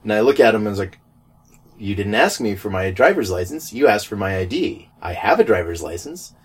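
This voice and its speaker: Talking fairly quickly in a lowish voice with a breathy edge, a man tells a story in casual chat. He's animated, laughing throughout and performing the dialogue he quotes.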